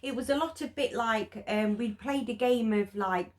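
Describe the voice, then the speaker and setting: A middle-aged Englishwoman chats casually on a vlog, telling a story. She talks in an animated way and mimics her own reactions. Her voice sits a little high for a woman. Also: normal speed, a little hiss or hum. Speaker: vlogger.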